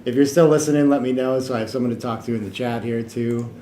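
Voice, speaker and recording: A man hosting a live tournament stream in a casual, joking way, often trailing off into quiet asides. The room is echoey. A faint noise runs underneath. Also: mid-range voice, fairly even intonation, fast talker.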